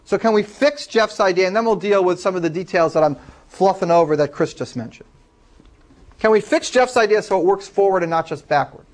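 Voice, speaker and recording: A man's voice: high-pitched, brisk. A man lecturing a class, explaining step by step and taking student questions.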